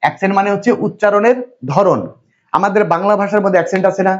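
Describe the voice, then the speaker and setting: A man's voice: high-pitched, fairly even intonation, rapid-fire, dull audio, a little hiss or hum. A man teaching English to a class, from Bangladesh, who keeps putting questions to the students and reassuring them. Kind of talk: classroom lecture.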